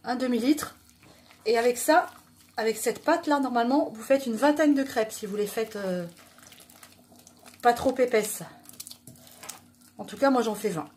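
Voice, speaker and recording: Woman, higher voice, chatty joking cooking host, pans clinking in a home kitchen. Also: a little slow, pauses often, darkish tone, slight background noise. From southwest France. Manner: chatty, joking, talks while stirring.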